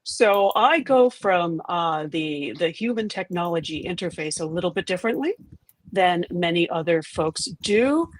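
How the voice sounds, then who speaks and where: A woman's voice: fairly low pitch, animated, unhurried, dry recording. A woman with an upstate New York accent, casually introducing herself as a guest on a live panel. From upstate New York, USA. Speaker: panel guest, AI educator and teacher.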